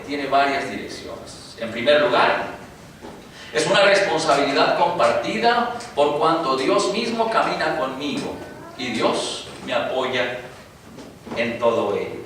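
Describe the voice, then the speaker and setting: A man's voice: a little high, a bit bright. A man preaching a sermon as pastor, asking the congregation rhetorical questions and speaking to them directly. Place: church sanctuary. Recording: echoey church, distant mic, background noise.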